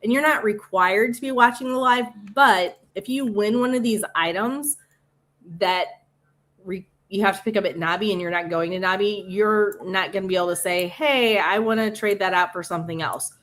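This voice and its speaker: A woman with a Midwestern accent hosting a casual livestream, chatty and quick to laugh. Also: mid-range voice, a bit bright. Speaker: livestream host.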